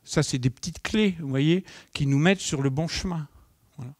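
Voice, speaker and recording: Middle-aged male trainer, fairly high voice, dry close sound, lively and questioning at a conference. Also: moderate pace, no room sound. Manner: lively, acts out dialogue, asks the audience questions. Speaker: nonviolent communication trainer. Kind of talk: live conference talk to an audience. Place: conference room.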